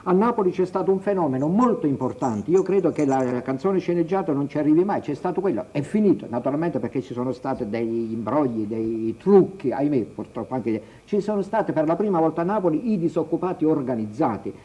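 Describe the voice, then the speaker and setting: A man's voice: a little high, lively intonation, a little fast, hardly any pauses, mellow, husky, dull audio. A man debating on a talk show as a journalist, speaking emphatically and insistently.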